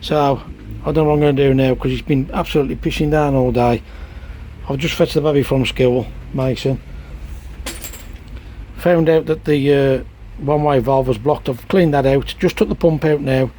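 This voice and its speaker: Outdoors in heavy rain, a hobbyist koi keeper films on his phone and rambles about his pond pump, chatty and exasperated, in casual vlog style. His voice is medium-pitched and dark, steady in tone, at a moderate pace. Faint rain and outdoor ambience sit behind him.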